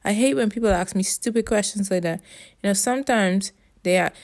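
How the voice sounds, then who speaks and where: A Bahamian woman vlogger with a medium-pitched, darkish voice rambles briskly through a casual monologue. She's blunt and profane, with an exasperated edge, and speaks with a Bahamian accent.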